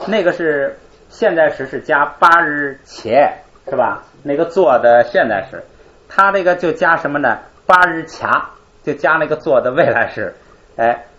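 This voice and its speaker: A man's voice: fairly high pitch, a bit bright, highs cut off. A male teacher explaining grammar in a live class, asking questions and answering them himself.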